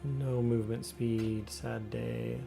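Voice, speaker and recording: A man's voice: on the low side, very animated, slow pace, vocal fry. A man giving casual livestream commentary as he plays, with wry, sarcastic asides. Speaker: game streamer. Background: game music.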